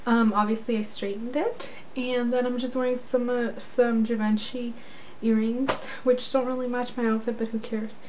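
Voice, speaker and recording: A young American woman's fairly high, slightly mellow voice barely moves in pitch, and she talks at normal speed with hardly any pauses. Her casual vlog is informal and rambling, full of "like," shot in small rooms at home, her closet and bedroom. A handheld camera at arm's length gives dull, noisy audio.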